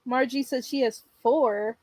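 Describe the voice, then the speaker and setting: Female bingo host, nursing home activity style: high, unhurried, chats to each player by name. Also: steady tone, a little mellow, no room sound. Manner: addresses players by name, reads their comments aloud.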